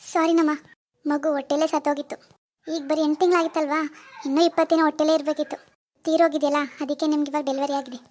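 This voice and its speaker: Woman doing a calm, very high-voiced village doctor. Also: close to an everyday voice. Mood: apologetic. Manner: calm, apologetic, measured. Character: village doctor, gentle and apologetic.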